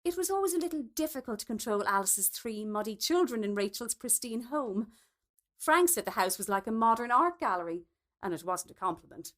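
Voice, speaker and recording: Reading a literary short story aloud, a woman tells it in a high voice. She delivers it expressively, her pitch swinging widely from one phrase to the next.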